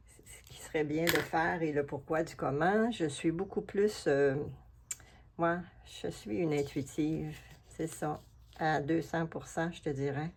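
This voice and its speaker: In a relaxed craft vlog, a collage artist with a Québécois French accent narrates her work in a low, deep-set voice. Unhurried and chatty, she speaks half to herself and half to viewers, with a little hiss or hum in the background.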